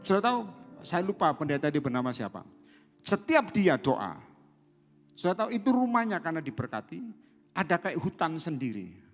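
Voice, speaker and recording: Lively preaching man in a church hall. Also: a little high, a little fast, pauses often. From Indonesia. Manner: lively preaching, calls to the congregation. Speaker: pastor. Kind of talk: sermon.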